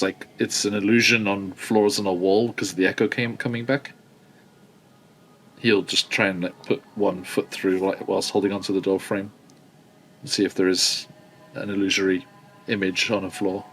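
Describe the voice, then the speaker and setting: Low-pitched man playing a tabletop game. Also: flat delivery, moderate pace, pauses often, a bit bright, a little hiss or hum, rough recording. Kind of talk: casual game chat, describing character's actions.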